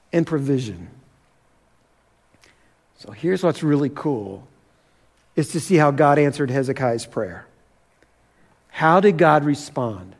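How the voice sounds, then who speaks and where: Pastor guy preaching, kinda high voice, earnest, echo trails off in a big hall. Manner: earnest, challenging, slows for emphasis. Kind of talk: sermon.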